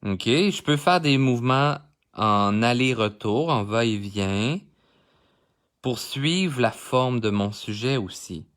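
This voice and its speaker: A man's voice: medium pitch, animated, slow, fairly bright tone. A man with a Québécois accent giving a live coloring tutorial, chatting directly with his viewers as he works. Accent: Québécois French. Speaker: art instructor. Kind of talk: live-streamed drawing tutorial.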